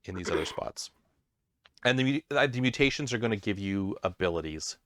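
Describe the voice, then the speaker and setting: Smooth-voiced man explaining rules. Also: lowish voice, lively intonation, brisk, fairly bright tone, no room sound, clean studio sound. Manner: explains rules, self-deprecating. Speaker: host. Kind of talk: casual board game chat.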